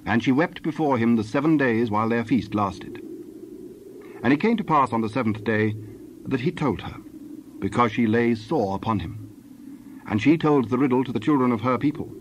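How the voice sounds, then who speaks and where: Male Bible narrator, medium pitch. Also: moderate pace, slight background noise.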